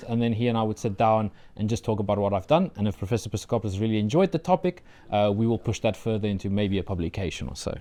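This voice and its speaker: In this interview, a young PhD candidate from South Africa talks about his doctoral work in a careful, earnest way, filling pauses often. Afrikaans is his first language, he has a South African accent, and his fairly low voice sounds mellow.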